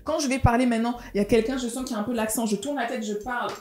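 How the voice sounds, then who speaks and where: A woman in her twenties from France and Gabon, with a French accent with touches of Marseille and Gabon, talking straight to her viewers in a casual personal vlog. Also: on the high side. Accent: French, mixed Marseille and Gabonese touches. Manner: fast, lively, chatty, addresses viewers directly. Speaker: vlogger. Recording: roomy room echo, faint music.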